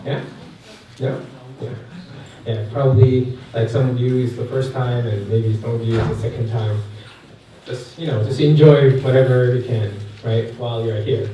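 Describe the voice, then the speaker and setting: A Korean man in his thirties, speaking with a Korean accent, gives a chatty personal talk as a guest speaker at a youth camp, putting questions to the crowd and using many fillers. His voice is medium-pitched and warm, with fairly even intonation at a normal speed. The hall is echoey, the mic sits far off, and there's faint noise.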